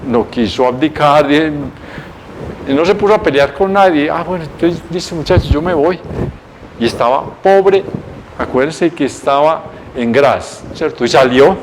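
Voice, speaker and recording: Un profesor con acento colombiano que da una clase televisada en tono coloquial, contando la historia de forma animada y corrigiéndose a sí mismo. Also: male voice, fairly high pitch, slight background noise. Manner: lively, colloquial, self-correcting storyteller. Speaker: teacher. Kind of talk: televised lecture, storytelling.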